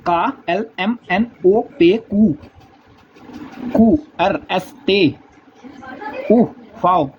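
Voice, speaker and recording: A man teaching a language lesson, repeating letter sounds slowly and patiently in a casual spoken style. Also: high voice. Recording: dull lo-fi recording, faint noise.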